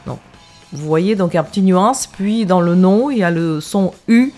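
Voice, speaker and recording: A woman's voice: lowish voice, expressive, normal speed, dark tone, faint music behind. A half Russian, half French woman who sings, a guest on a radio chat, explaining things patiently with many hesitations. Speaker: singer, show guest. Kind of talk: casual radio interview. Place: radio studio.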